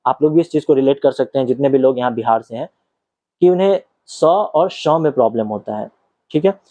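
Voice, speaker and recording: A man's voice: mid-range voice, a little fast, mellow, dry recording. A man from Bihar, reading an acting book aloud and explaining it in casual asides as a teacher. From Bihar, India. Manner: switches between careful reading and casual asides, often asks "ठीक है?". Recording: dull lo-fi, dry sound.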